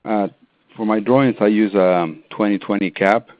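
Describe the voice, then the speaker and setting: Deep-voiced man from Argentina, hesitant. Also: steady tone, moderate pace, dry recording. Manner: hesitant, with many ums and restarts. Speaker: interior designer guest. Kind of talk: casual interview answers. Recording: tinny phone-line audio.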